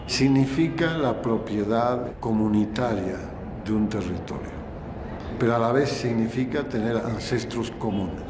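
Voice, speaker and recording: A man explaining things in a measured way in an interview. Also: medium pitch. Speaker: interviewed expert. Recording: roomy echo with ambient noise.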